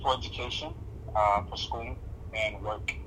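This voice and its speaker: A man's voice: lowish voice, fairly even intonation, moderate pace, fairly bright tone, a little hiss or hum, poor audio. A young man from Somalia answering interview questions in a casual, hesitant way, with many fillers and restarts. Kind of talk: casual oral history interview.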